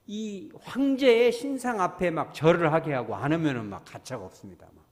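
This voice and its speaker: Animated pastor preaching in an echoing church. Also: male voice, mid-range voice. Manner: animated, acts out quoted voices and asks the congregation questions. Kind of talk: sermon. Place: church sanctuary. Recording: long reverb of a church hall.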